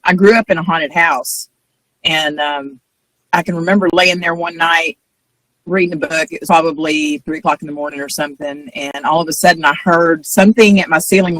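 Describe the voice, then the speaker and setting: A woman's voice: sits low, a bit bright, no echo, poor audio. Chatty woman telling a story, dry sound. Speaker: audience member telling a ghost story. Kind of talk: casual storytelling.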